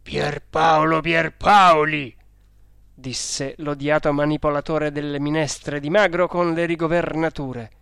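A reader narrating a storybook in a calm, measured way. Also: medium pitch, clean tone, no room sound, clean studio sound.

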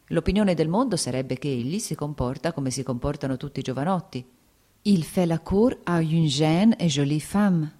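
An agitated, exasperated noblewoman and mother, as a woman reads her aloud. Her voice sits low and mellow, and she scolds and frets with quick emotion. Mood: confiding. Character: Dolly, harried aristocratic mother, exasperated.

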